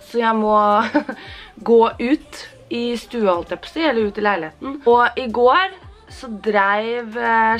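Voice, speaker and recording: Excitable young woman vlogger. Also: a little high. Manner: excited, swearing, tearful exclamations. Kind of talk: casual birthday vlog. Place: apartment indoors.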